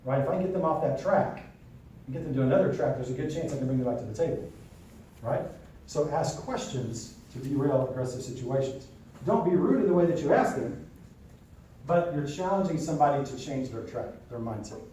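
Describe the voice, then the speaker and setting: A man's voice: mid-range voice, animated, fairly quick, dark tone, recorded from a distance, slight background noise. Man teaching a class in an echoey room. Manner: conversational, keeps checking in with the class. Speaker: real estate trainer. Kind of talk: classroom lesson with role-play.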